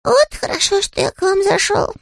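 A man's voice: extremely high pitch, moderate pace, creaky, fairly bright tone, no echo, studio quality, voice pushed up, full character voice. A man voicing a naive, polite young male bear in an audiobook, earnest and innocent in manner. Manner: earnest, innocent, matter-of-fact. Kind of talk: audiobook character voice.

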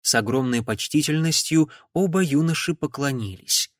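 A man reading an audiobook in a measured, dramatic way. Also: on the high side, dry recording, clean studio sound. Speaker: audiobook narrator. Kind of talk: audiobook narration.

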